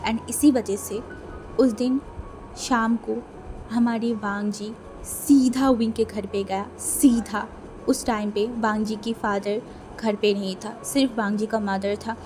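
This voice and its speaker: A woman's voice: fairly high pitch, fairly even intonation, takes it slowly, darkish tone, faint music behind. A woman narrating a fan fiction story, often repeating phrases for emphasis.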